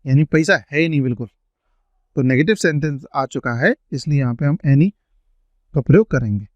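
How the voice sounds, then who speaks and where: A man's voice: on the high side, expressive, dry recording. Man teaching grammar, dry lo-fi. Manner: slow, drawn-out reading of example sentences. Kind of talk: grammar lesson explanation. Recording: dry, dull lo-fi sound.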